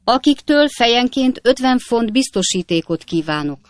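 A woman voicing a pompous, irritable male magistrate who talks loud and sharp in a storybook reading. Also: mid-range voice, lively intonation, dry recording, close to an everyday voice. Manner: loud, sharp and self-important.

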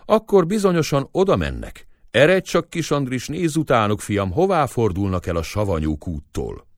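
A man voicing a kind-hearted, motherly village woman who speaks gently and coaxingly. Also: mid-range voice, very animated, no echo, studio quality, pitched above the performer's own voice. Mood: urgent, motherly.

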